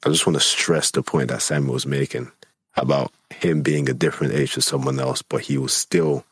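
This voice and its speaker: Young dude w a super deep husky voice, really stressing his point, dry sound. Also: fairly even intonation, a little fast, no echo. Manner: emphatic, giving advice. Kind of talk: casual chat.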